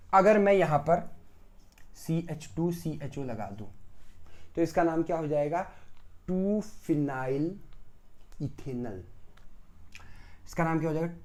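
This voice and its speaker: A man teaching pharmacy chemistry in a recorded lecture. He asks the class questions, answers them himself and repeats key terms several times. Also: on the high side. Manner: swings between loud bursts and soft asides.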